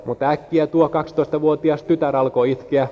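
A man's voice: a little high, steady tone. A man interpreting a sermon line by line, following the preacher's rise and fall, with small slips and restarts. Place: church hall. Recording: muffled sound in a reverberant hall.

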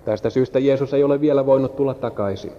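A man's voice: medium pitch, slight background noise. A man interpreting a sermon line by line, following the preacher's rise and fall, with small slips and restarts. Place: church hall. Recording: muffled sound in a reverberant hall.

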